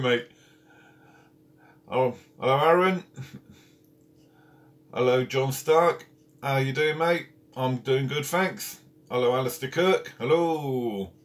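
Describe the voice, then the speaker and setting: A man's voice: on the high side, fairly bright tone. A man hosting a casual live stream from home, chatting and greeting viewers one by one by name. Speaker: carp fishing channel host. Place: at home, indoors.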